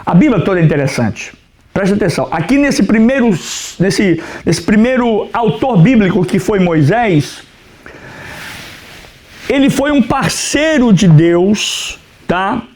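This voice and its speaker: A pastor teaching a Bible class to his students in a lecture style. His voice sits high and swings widely, rising and falling as he asks questions and answers them himself. He keeps telling the class to write notes and now and then turns away from the mic toward the board. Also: expressive, a little slow, darkish tone. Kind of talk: classroom lecture on the Old Testament.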